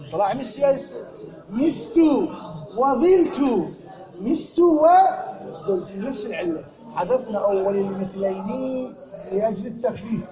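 Iraqi man, grammar teacher, very high voice, quizzing the class, echoey classroom, students audible. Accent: Iraqi Arabic. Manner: drills students with repeated questions. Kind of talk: Arabic grammar lesson to a class.

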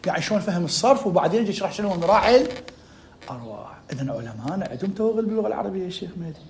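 Brief: Iraqi-accented male seminary teacher, high voice, lectures by drilling rules and firing rhetorical questions. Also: big pitch swings, rapid-fire, darkish tone, a little hiss or hum. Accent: Iraqi Arabic. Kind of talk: classroom lecture on grammar.

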